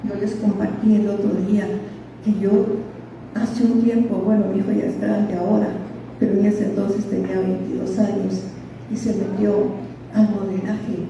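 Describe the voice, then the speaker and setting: A woman's voice: mid-range voice, little pitch movement, normal speed, creaky, background noise. A middle-aged woman from Guatemala, preaching a sermon with passion, telling stories and asking rhetorical questions. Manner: impassioned, storytelling with rhetorical questions. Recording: echoey hall, distant dull mic.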